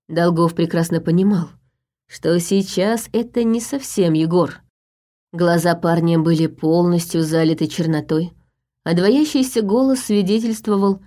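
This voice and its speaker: A woman narrating a novel in a steady, measured way. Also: lowish voice. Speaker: audiobook narrator. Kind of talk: scripted narration.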